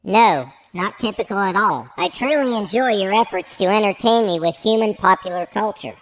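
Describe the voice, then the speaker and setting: A woman's voice: medium pitch, moderate pace, lightly acted, poor audio. A woman voicing a male alien head on life support, an [name] fan and co-host, talking in formal, stilted phrases. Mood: prim, formal. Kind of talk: comedic sketch acting.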